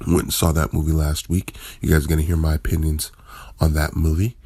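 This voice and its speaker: A man's voice: very deep voice, little pitch movement, a little fast, warm tone, husky, no echo. A man hosting a casual solo podcast, sounding groggy and unwell, rambling informally and correcting himself as he goes. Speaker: podcast host.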